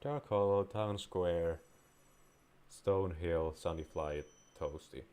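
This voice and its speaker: Low-pitched, smooth and a little mellow, a man whose first language is Finnish speaks at a slow pace while commenting on the game he's playing. His casual let's-play talk rambles, drifts into tangents and has restarted sentences.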